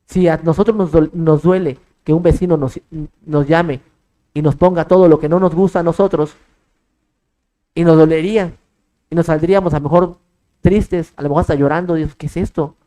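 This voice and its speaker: A man's voice: on the high side, steady tone, normal speed, dark tone, poor audio. A man preaching a sermon, firing off rhetorical questions and acting out bits of dialogue. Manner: emphatic, rhetorical questions, acts out quoted dialogue.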